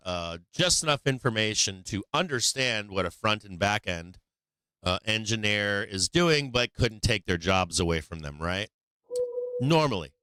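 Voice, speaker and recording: A man with a thin, tinny voice light on bass, giving rambling, blunt, profanity-laced live trading commentary. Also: sharp tone, clean tone, dry recording. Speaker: stock trading livestream host.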